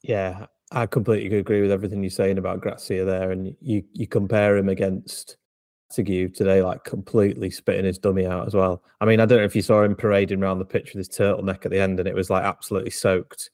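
Low-voiced man giving football opinions. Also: flat delivery, fast talker, a little mellow, dry recording, clean studio sound. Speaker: podcast co-host, football fan. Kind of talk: casual football podcast chat.

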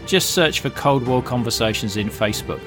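A man's voice: medium pitch, expressive, fairly quick, music in the background. A man hosting a podcast, reading a scripted promo and introduction. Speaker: podcast host.

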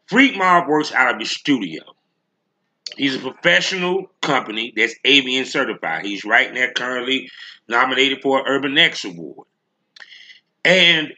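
A man with a very bright, forceful voice at a middling pitch hosts a solo show. He rants straight to his listeners in blunt, slangy language, swearing freely and leaning hard on his points. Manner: blunt, profane, slangy, emphatic. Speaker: podcast host.

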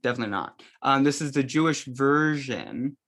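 Speaking at a normal speed, a young man from the Seattle area in Washington talks expressively in a medium pitch with a slightly bright edge. He's a seminary student guesting on a podcast, joking and self-deprecating in a casual video call.

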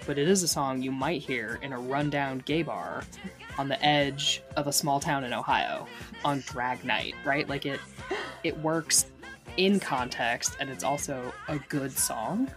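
A woman co-hosts a casual podcast, her voice sitting very low for a woman. She talks loosely, laughing often and filling gaps with "like" and "um.". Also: normal speed, music in the background. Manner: chatty, laughs often, lots of fillers. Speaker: podcast co-host.

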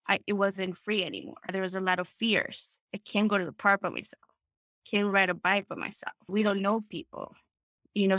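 A woman from a small town in Peru, with a medium-pitched, sharp voice and no echo, shares her personal story. She is open, reflective and conversational, often adding small tag questions to seek agreement.

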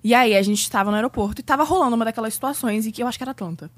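Brazilian woman rattling off a travel story, husky voice, super quick. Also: a little high, no echo. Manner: animated storyteller, acts out her father's voice. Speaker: co-host telling travel stories. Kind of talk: casual chat.

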